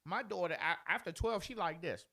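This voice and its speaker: A man's voice: high-pitched, moderate pace, creaky, bright, forceful tone, no echo. A man hosting a podcast in casual chat, blunt and profane, talking as a father of a preschooler. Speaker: podcast host.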